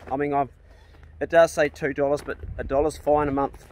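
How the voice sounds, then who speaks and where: Higher-voiced man, broad Kiwi accent. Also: flat delivery, a little fast, darkish tone. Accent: New Zealand, broad. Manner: laid-back slangy talk, ending with "eh" and "bro". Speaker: vlog host. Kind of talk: casual vlog chat. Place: outdoors on rural land. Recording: noisy outdoor ambience.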